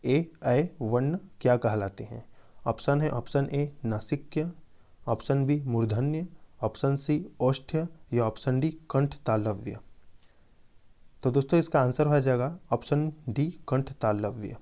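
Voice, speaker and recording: A man running a quiz-style exam prep lesson, reading out options and explaining answers slowly with repeated reminders. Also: mid-range voice, vocal fry, warm tone. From Chhattisgarh, India.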